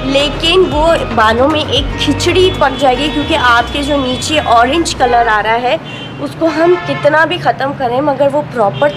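A young woman from Pakistan chatting casually to a phone camera held at arm's length, telling her story in a car and at a salon. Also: high-pitched. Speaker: vlogger. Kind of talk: casual vlog chat to camera. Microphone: handheld phone camera at arm's length. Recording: noisy street and car background.

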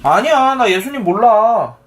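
A man voicing Peter, a frightened male disciple who insistently denies knowing his friend, in a high pleading voice, while reading a picture book aloud. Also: animated, a little slow. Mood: fearful.

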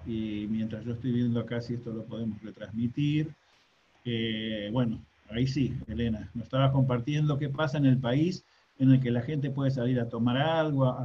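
A man's voice: medium pitch, highs cut off. A man hosting a webinar over a video call, welcoming the participants and setting up the discussion. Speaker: webinar host. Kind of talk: webinar moderation. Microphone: laptop webcam on a video call.

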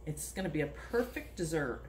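Very animated and moderately paced, a woman in her sixties with a deep, darkish voice hosts a casual cooking demo at home, chatty, rambling and quick to laugh. The sound comes from a nearby phone in an echoey kitchen with background noise.

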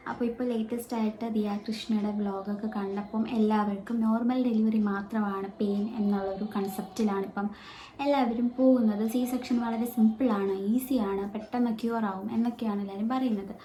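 Fast-talking Malayali woman in an echoey room. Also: mid-range voice, fairly even intonation, mellow. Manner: chatty, explains with many fillers and restarts. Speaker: vlogger. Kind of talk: casual personal story vlog. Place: at home with her baby nearby. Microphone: no microphone, phone or camera mic. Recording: echoey room, faint background noise.

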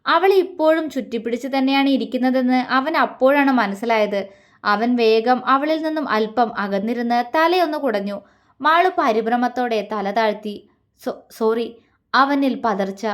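Soft-voiced woman narrating a romance story. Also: a little high, normal speed.

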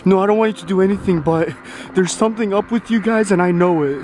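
Quick-paced and high-voiced, a young YouTuber in his twenties narrates his vlog with excitable drama, gasping and repeating "guys." The clip shifts from outdoors at night to a room inside, loud music running underneath.

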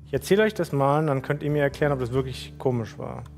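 A man from Germany, a streamer, telling a story in a slangy, animated, casual way. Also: medium pitch, fast talker, vocal fry. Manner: slangy and animated, acts out quotes.

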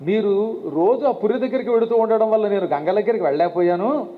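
A man's voice: sits high, fast talker, natural voice. A man voicing an aggrieved old wife. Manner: scolding, aggrieved. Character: tearful jealous elderly wife. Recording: tinny phone-like sound, faint hiss.

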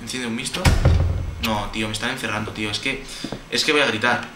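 A man with a Castilian Spanish accent hosts a horror game let's play, sounding nervous and jumpy and swearing nonstop. His voice sits on the low side and moves a little fast over background music. The recording is roomy and noisy, with the mic set at a distance.

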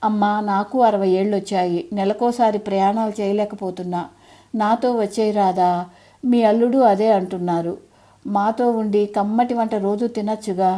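A tired, caring daughter of sixty from an audiobook, voiced by a woman reader. She coaxes and pleads gently but insistently. The tone is very dark and mellow. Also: medium pitch, fairly even intonation, normal speed, close to an everyday voice. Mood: pleading.

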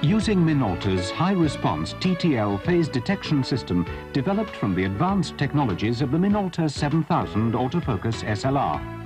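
Guy doing a smooth ad voice-over, lively pitch, old vhs tape sound, loud music behind. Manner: smooth, measured product pitch. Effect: old VHS tape audio. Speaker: promotional narrator. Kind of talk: scripted ad voice-over. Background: loud backing music.

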